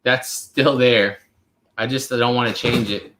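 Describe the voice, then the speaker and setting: A man's voice: mid-range voice, fairly even intonation, measured pace, a bit bright. Chill guy in his 20s, rambly q&a chat, lots of "like", roomy echo. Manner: laid-back, rambling with many fillers. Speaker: channel host. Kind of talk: casual live Q&A chat.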